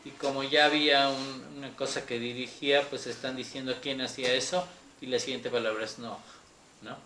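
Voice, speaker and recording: A man teaching Hebrew grammar in a Torah class, slow and patient, often checking that his students follow. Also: mid-range voice, flat delivery, pushed and bright. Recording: echoey room with faint noise.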